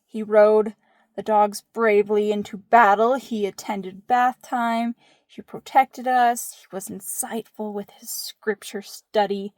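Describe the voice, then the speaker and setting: A woman's voice: medium pitch, little pitch movement, slow pace, a little mellow, no echo, studio quality. A woman in her thirties telling a family story in a playful, mock-dramatic way, dropping into whispered asides. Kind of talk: casual storytelling.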